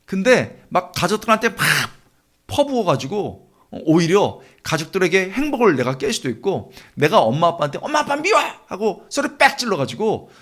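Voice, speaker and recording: A man preaching a sermon in a church, earnest and asking the congregation rhetorical questions. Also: a little high. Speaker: guest preacher.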